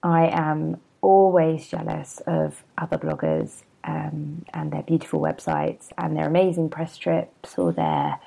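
Low-voiced woman, chatty and gravelly. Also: dark tone. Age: 30s. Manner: chatty, self-deprecating, rambling with asides. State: a bit hungover and yawning. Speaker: podcast host and blogger. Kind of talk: casual solo podcast chat.

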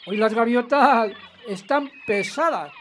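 An actor with a very high voice speaks slowly as a spry, chatty, boastful 82-year-old widowed retired financier and yachtsman phoning in to a radio comedy drama, cheerful and talkative. Faint noise and harbour gulls can be heard behind him.

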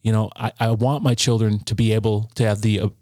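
A man in his thirties, a podcast guest, telling a personal story in an earnest, halting way with frequent restarts. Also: lowish voice, little pitch movement, mellow, no echo, studio quality.

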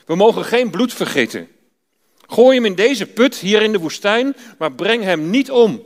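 A man's voice: high-pitched, sing-song, a little slow, voice pushed up, heavily acted. A man voicing a pleading eldest brother in a Bible reading, urgent and raised. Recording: long church reverb.

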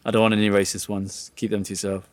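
A man's voice: lowish voice, level tone, quick pace, slight background noise. Swearing, jokey young man. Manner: swears freely, jokey, rambling. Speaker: podcast co-host. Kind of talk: casual chat.

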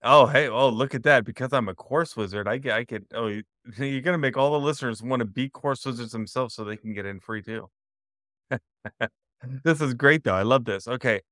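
Man, host, video call audio, mid pitch, dry sound, upbeat and enthusiastic. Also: a little fast, a bit bright, dry recording. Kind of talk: casual interview chat.

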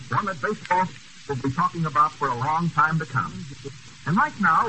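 A man's voice: fairly high pitch, pushed and bright. A man hosting a scripted sports show on 1950s radio. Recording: noisy 1950s radio broadcast.

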